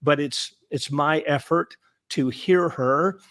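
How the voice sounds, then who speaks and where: A man speaks as a therapist guest on an interview show, pressing his points by repeating words again and again. He often trips over himself and restarts mid-sentence. His voice sits a little high and sounds dry and close. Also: slow pace, a bit bright, dry recording. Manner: earnest and emphatic, repeats words for stress; frequent stammered restarts. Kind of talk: conversational interview.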